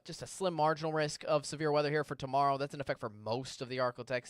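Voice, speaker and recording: Animated TV weatherman. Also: mid-range voice, clean tone, no echo, studio quality. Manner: energetic, conversational, stresses key words. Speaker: TV meteorologist. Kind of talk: weather forecast delivery. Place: TV studio.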